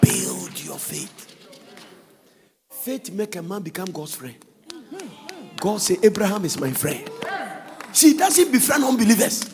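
A man preaching a sermon in a singsong, shouting style, breaking into laughter between points. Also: high voice, sing-song, normal speed, pauses often, in a large hall.

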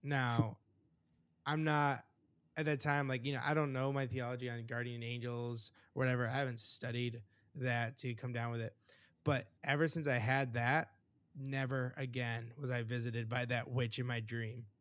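A man with a mid-range voice hosts a podcast in a casual, relaxed way. He talks loosely, with fillers, as he recalls things from his childhood. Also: medium pitch, moderate pace. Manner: relaxed, reacts with short interjections. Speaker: podcast host. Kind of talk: casual chat.

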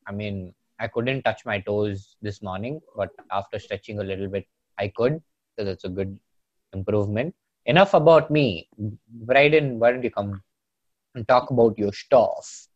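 A man's voice: lowish voice, moderate pace, no echo. A young man with a blocked nose hosting a podcast, chatting in an informal, earnest way. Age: young adult. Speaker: podcast host. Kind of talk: casual podcast chat. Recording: dry, dull lo-fi microphone sound.

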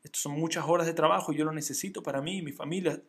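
Male storyteller as a poor young handyman, soft-spoken and pleading. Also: a little high, steady tone, racing, slightly rough.

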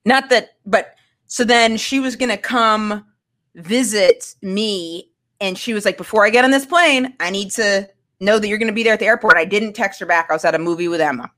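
A woman's voice: mid-range voice, normal speed. Young woman telling a story animatedly. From Maine. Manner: animated storytelling, acting out quotes. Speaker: guest. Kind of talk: casual podcast conversation.

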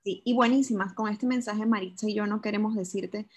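A woman's voice: mid-range voice, fairly even intonation, brisk, slightly rough. A woman co-hosting a talk, encouraging and addressing the listener directly. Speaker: co-host. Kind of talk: conversational talk.

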